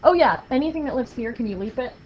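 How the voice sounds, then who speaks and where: A woman's voice: on the high side, lively intonation, fast talker, a little mellow. Upbeat woman teaching math class. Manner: upbeat, playful, encouraging. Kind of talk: classroom lecture. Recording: muffled classroom recording with faint noise.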